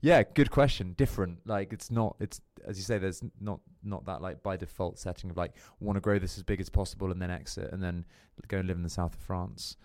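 A man's voice: sits low, little pitch movement, a little fast, few pauses, a little mellow, no room sound, clean studio sound. A young man talking casually as a podcast guest, rambling with lots of fillers and restarts. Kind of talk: casual interview chat.

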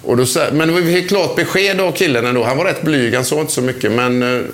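A man's voice: a little high, a bit bright. An older man, a former footballer, telling a chatty anecdote about an old match, often laughing as he speaks. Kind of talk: anecdotal storytelling.

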